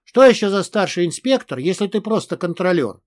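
A man voicing a loud, boisterous middle-aged soldier who bellows with rough army swearing. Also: high-pitched, sing-song, a little fast, no echo, studio quality. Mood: domineering.

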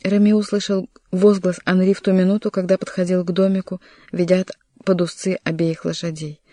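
Mellow measured audiobook narrator. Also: mid-range voice, flat delivery, no room sound. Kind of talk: scripted narration.

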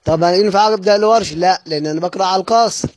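A man with an Egyptian Arabic accent teaching the rules of Quran recitation, posing questions and answering them himself, and chanting verses slowly. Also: high voice, no echo. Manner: asks and answers his own questions.

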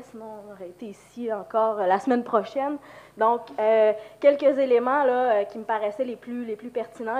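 A woman with a Quebec French accent presents at a conference while down with the flu. Her voice sits on the high side, and she talks conversationally, feeling her way through explanations with colloquial turns. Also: a little mellow, muffled recording. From Quebec, Canada. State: has the flu. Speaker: university lecturer and researcher.

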